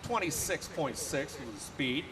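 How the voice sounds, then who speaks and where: A man's voice: fairly high pitch, expressive, measured pace, a crowd in the background. A man announcing a tractor pull in a folksy way, calling and repeating figures.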